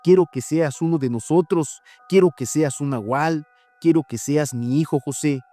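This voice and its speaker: A man voicing a huge dark male wolf-beast in a storytelling reading, talking slowly and domineeringly. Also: on the high side, soft background music, lightly acted. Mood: menacing. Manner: slow, deliberate, domineering.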